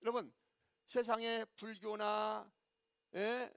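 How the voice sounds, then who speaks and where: A male pastor delivers a sermon from a church pulpit, his voice pitched unusually high. He poses question after question, answers them himself and keeps calling on the congregation for an amen. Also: level tone, slow, clear, resonant tone. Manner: call-and-response, repeatedly asking the congregation for amen. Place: church sanctuary.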